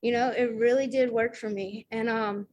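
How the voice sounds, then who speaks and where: A woman's voice: on the high side, fairly even intonation, moderate pace, darkish tone, lo-fi sound, a little hiss or hum. A woman from the American South telling her own story at a recovery meeting, chatty and self-deprecating, full of fillers and little acted-out quotes. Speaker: speaker sharing at a recovery meeting. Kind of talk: casual personal testimony.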